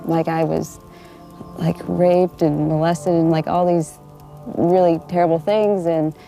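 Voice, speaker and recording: Young woman, soft-spoken and reflective, lowish pitch, music bed underneath. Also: level tone, unhurried, creaky. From United States. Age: young adult. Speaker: interviewee. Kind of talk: documentary interview.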